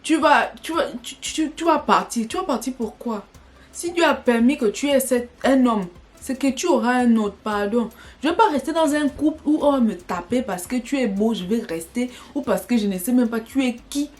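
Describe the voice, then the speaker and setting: High-voiced woman telling a dramatic story. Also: moderate pace, soft background music. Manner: animated, dramatic retelling. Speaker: vlogger. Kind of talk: storytime vlog.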